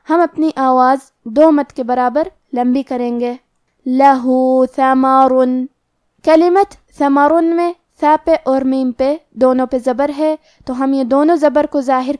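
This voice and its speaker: High-voiced woman teaching Quran recitation. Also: a little mellow, no echo, studio quality. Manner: explains each rule plainly, then recites words slowly. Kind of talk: tajweed lesson with slow recitation.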